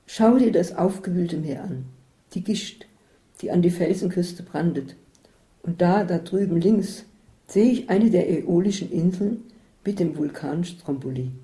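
A woman voicing a calm, capable woman who travels with enthusiasm, patient and matter-of-fact. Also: fairly low pitch, measured pace, poor audio. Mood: enthusiastic.

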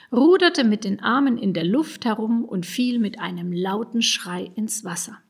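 A woman narrating a children's storybook in a lively, expressive reading. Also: medium pitch, husky.

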